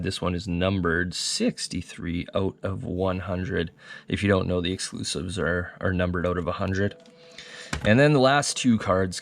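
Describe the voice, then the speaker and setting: A man with a low, radio-like voice talks to his viewers in a relaxed, chatty vlog manner. He sounds casual and unhurried. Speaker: sports card collector and channel host. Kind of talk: casual card-review vlog talk.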